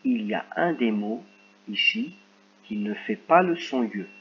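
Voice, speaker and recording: A man speaks slowly and deliberately as he guides young children through a phonics lesson. He dictates each word with careful, drawn-out articulation, at a medium pitch. The recording is dull and lo-fi, with a faint hum underneath. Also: sing-song. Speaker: teacher.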